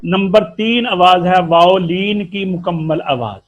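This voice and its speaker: A man's voice: sits high, takes it slowly, dull audio. A man with an Urdu accent teaching a tajweed lesson, explaining patiently and stretching out syllables to demonstrate sounds. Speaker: Quran recitation teacher.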